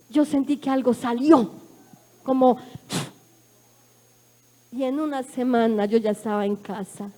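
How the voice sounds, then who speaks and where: Una mujer colombiana con acento colombiano que da su testimonio en una prédica, narrando con emoción y pasando de susurros a exclamaciones. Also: female voice, high-pitched. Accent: Colombian Spanish. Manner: emotional, dramatic storytelling with swings from hushed to loud. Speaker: preacher giving testimony. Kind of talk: sermon testimony. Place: church.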